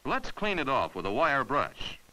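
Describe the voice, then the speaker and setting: This is the soundtrack of a 1950s educational film, with poor audio. A male narrator, bright and forceful with animated pitch, walks through each step patiently and clearly at a moderate pace, just like an old classroom reel.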